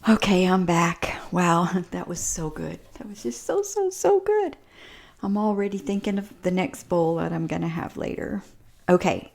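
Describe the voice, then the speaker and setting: A woman's voice: on the low side, a little mellow, roomy sound. A woman vlogger chatting casually to her viewers while eating in her home kitchen, savoring each bite. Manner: chatty, savoring food, talks between bites. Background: clinking dishes and cutlery.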